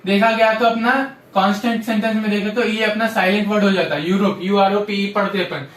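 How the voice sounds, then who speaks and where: A man's voice: high-pitched, steady tone, a little fast, fairly bright tone. A man teaching a grammar lesson, repeating rules and checking often that students understand. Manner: repetitive, drills rules with frequent "samjhe?" check-ins. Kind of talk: classroom-style grammar lesson. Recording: echoey room, voice from a distance.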